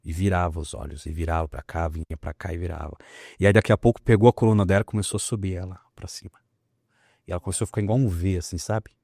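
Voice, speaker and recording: A man, a pastor telling a healing story in an animated, emphatic way. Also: low-pitched, fast, creaky, dry recording, studio quality. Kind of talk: testimony in a conversation.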